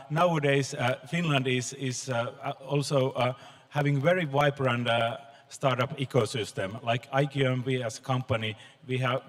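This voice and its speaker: A man speaks for his startup on a live panel. His mid-pitched voice stalls often, repeating words and filling gaps with hesitations. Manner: halting, repeated words and fillers.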